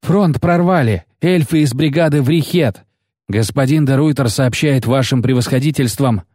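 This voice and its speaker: A man voicing a desperate male messenger shouting an alarm. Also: mid-range voice, normal speed, no room sound, clean studio sound, voice pushed up, natural voice.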